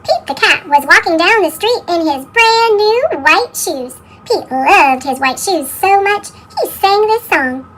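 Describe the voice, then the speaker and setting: A woman's storybook narration for young children is altered with a chipmunk speed-up, pushing her pitch extremely high. She reads a little slowly with few pauses, animated and exclaiming, using question-and-answer delivery and sung refrains.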